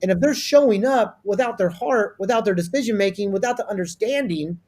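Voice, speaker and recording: A man's voice: high voice, brisk. Emphatic man giving business advice. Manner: energetic, repetitive restarts, emphatic. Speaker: guest.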